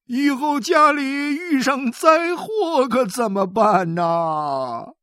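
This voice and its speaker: A woman's voice: high-pitched, lively intonation, dry recording, studio quality, voice pushed up. A woman doing a sobbing old man in a storybook. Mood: wailing grief. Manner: sobbing, drawn-out wailing speech. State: crying. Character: old male blood seller, weeping and heartbroken.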